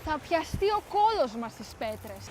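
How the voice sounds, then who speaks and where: A woman's voice: high-pitched, very animated, darkish tone. A woman playing a fussy beachgoer who complains about everything. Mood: grumbling. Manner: grumbling, fussy.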